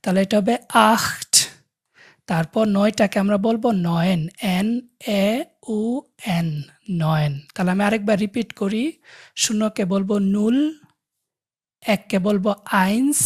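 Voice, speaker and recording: A woman teaches a language class online, talking over a video call. Her voice sits at a medium pitch. She spells out each word letter by letter, then leads the students through drills where they repeat after her. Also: unhurried, a little mellow, husky.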